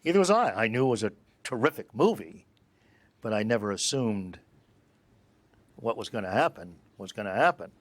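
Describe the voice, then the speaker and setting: Older man telling lively production stories. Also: fairly low pitch, normal speed, long pauses, dry recording. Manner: animated, acts out dialogue in his anecdotes. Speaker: film producer and director. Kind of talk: interview storytelling.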